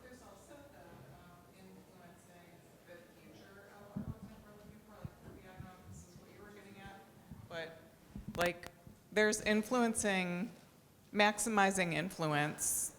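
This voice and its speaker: A woman in a meeting discussion, thinking aloud in a halting way. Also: medium pitch, steady tone, noisy background.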